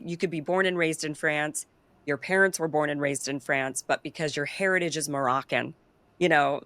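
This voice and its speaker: She's a political talk show host with a low, somewhat bright voice, recorded without echo. Her talk is casual political chat, loose and opinionated, and she laughs readily.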